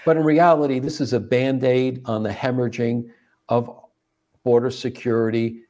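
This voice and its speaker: A man co-host makes a political argument step by step, leaning on rhetorical questions. His tone is mellow and dark, and his pitch sits in an average range. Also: little pitch movement, normal speed. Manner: argues point by point with rhetorical questions. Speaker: co-host of a political commentary show.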